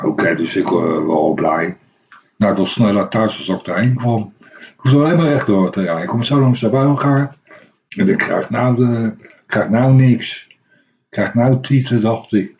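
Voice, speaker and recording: A man's voice: on the low side, a little mellow. A middle-aged man, hosting a radio show and telling a long, rambling everyday story with many hesitations and restarts. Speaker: radio host. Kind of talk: casual anecdotal radio chat. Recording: dull lo-fi radio recording.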